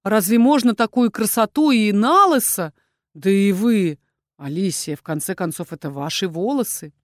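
A woman voicing a sardonic male dragon inquisitor who speaks in a slow, low, mocking drawl. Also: animated, no echo, studio quality, natural voice. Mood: sarcastic.

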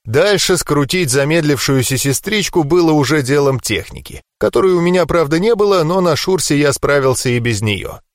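A man's voice: on the high side, animated, normal speed, few pauses, no echo, studio quality. A man narrating a first-person audiobook with a tense, dramatic delivery.

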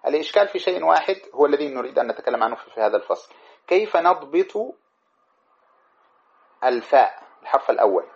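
A man's voice: mid-range voice, animated, very fast, creaky. A man teaching a lesson on a grammar poem, reciting verses and then explaining them with many examples. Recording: dull lo-fi recording.

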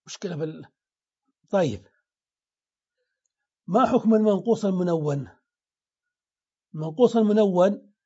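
A man's voice: high voice, warm tone, husky, highs cut off. A man teaching grammar in a classroom lesson, explaining step by step and answering his own questions.

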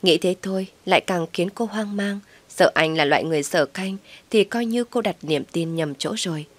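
A woman narrating a story in a calm, steady storytelling manner. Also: lowish voice, moderate pace.

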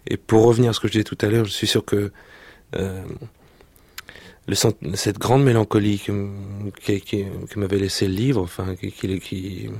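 A man's voice: lowish voice, little pitch movement, moderate pace, darkish tone, no echo. A man, an actor, recalling his childhood reading in a radio interview, thoughtful and full of restarts. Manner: hesitant, thoughtful, many restarts. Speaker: actor, guest. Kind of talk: reminiscing interview and reading aloud.

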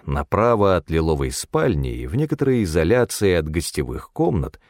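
Low male voice, lively intonation, wry audiobook narration, dry close sound. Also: no room sound. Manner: wry, expressive storytelling. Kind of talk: scripted first-person audiobook narration.

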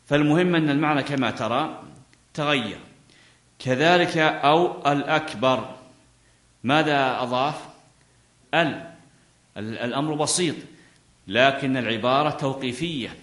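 A man's voice: mid-range voice, a bit bright, reverberant. A man teaching a lesson on a classical legal text, reading a line and then explaining it by asking questions and answering them himself. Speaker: teacher of Islamic jurisprudence.

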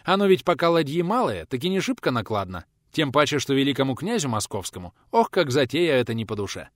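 A man voicing an older retired teacher, hoarse and weary from seasickness, explaining patiently. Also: medium pitch, sing-song, fast talker, dry recording, clean studio sound, close to an everyday voice. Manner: hoarse, breathy, lecturing. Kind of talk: audiobook character voice.

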